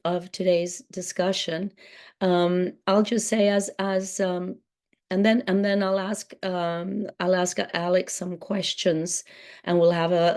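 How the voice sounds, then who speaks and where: A woman with a croaky, hoarse voice from laryngitis, giving hesitant introductory remarks at a book talk as moderator, with many fillers and restarts. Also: on the low side, darkish tone.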